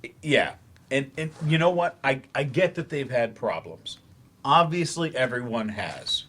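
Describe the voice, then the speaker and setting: During a staged play reading, a male actor plays a frustrated man in therapy, a once-promising writer who became a teacher. His medium-pitched, fairly bright voice is animated and unhurried, yet he speaks hesitantly and grudgingly, sounding aggrieved and defensive.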